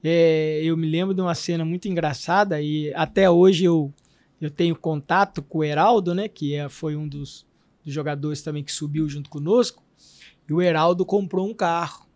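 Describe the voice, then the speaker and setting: A middle-aged Brazilian man, a former footballer, telling stories in a casual interview and acting out his old coach's shouts. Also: a little high, moderate pace. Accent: Brazilian Portuguese. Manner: animated storyteller, acts out his coach's shouts.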